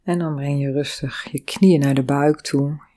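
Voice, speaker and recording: A woman with a low voice talks slowly through a guided breathing and body exercise. She hums long, resonant vowel sounds between calm instructions. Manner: calm, slow guiding with sung vowel sounds.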